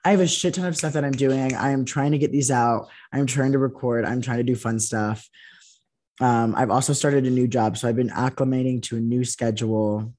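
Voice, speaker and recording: A man's voice: medium pitch, fairly even intonation, brisk, a little mellow. A young man hosting a podcast in casual, profane chat, losing his voice and using many fillers. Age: young adult. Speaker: podcast host.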